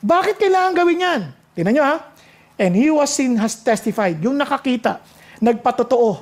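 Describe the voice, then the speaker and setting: A man with a notably high-pitched voice delivers an impassioned sermon. His pitch leaps and drops for emphasis, and he slows to a deliberate pace when reading scripture aloud. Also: expressive. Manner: mixes speech with quoted Bible verses read slowly. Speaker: preacher.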